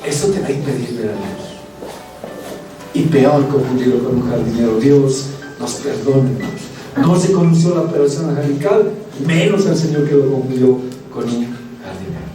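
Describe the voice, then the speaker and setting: A man preaches an emphatic sermon in a church hall, calling the congregation brothers, in a mellow mid-range voice with lively intonation and a moderate pace. Echo fills the hall, the mic sits at a distance, and faint music plays.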